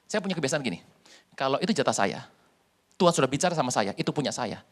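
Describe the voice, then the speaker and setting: A male pastor preaching a sermon in a lively storytelling way, with jokes. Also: medium pitch, quick pace.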